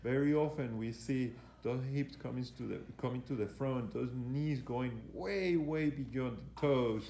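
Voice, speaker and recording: The voice is a man's, medium in pitch, somewhat slow, gravelly and dark. He is a fitness coach giving live commentary on exercises during a demonstration in an indoor gym, his explanations hesitant and repetitive. He holds the camera himself, and the recording carries room echo and faint background noise.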